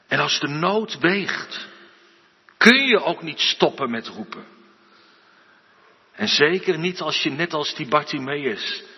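Male preacher, husky voice, slow earnest sermon, dull recording with long church echo. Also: on the high side. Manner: slow, earnest preaching with rising emphatic outbursts.

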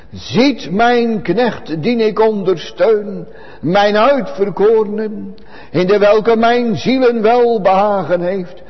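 A man preaching a sermon to a church congregation, in a slow and solemn cadence. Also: high voice, long reverb tail, dull audio. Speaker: pastor.

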